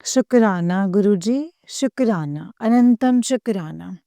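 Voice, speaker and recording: Middle-aged woman, devotional speaker, earnest and halting, with a mellow, smooth tone and a dry, close sound. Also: medium pitch, animated, no room sound. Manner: slow, halting, with many pauses and fillers; earnest, keeps addressing the listeners. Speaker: devotee sharing experiences with followers. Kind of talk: devotional talk.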